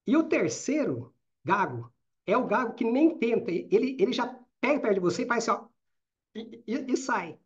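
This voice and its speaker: Man, middle-aged, Minas Gerais accent, live online training talk, fast and chatty, slightly dull lo-fi audio. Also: very high-pitched, sing-song. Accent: Minas Gerais Portuguese. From Brazil. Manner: talks fast, with frequent "né?" and "certo?" tags. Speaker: career and networking trainer.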